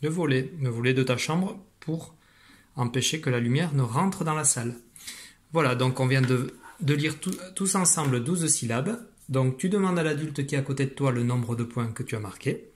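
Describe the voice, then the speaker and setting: Patient man teaching reading to children. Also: mid-range voice. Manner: patient, encouraging, explains slowly. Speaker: primary school teacher. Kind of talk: remote reading lesson for young children. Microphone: computer at a desk.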